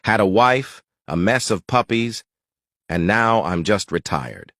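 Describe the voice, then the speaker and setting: A man's voice: fairly low pitch, expressive, takes it slowly, fairly bright tone, no echo, clean studio sound, heavily acted. A man voicing a talking mutt, a boastful retired spy, telling his story matter-of-factly in a joke. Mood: casual boasting.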